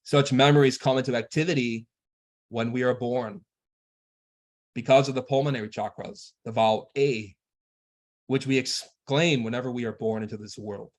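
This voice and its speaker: A man speaks at a middle pitch, neither high nor low, giving a spiritual lecture. His delivery is measured and earnest, unhurried like a teacher laying out instructions. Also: fairly even intonation.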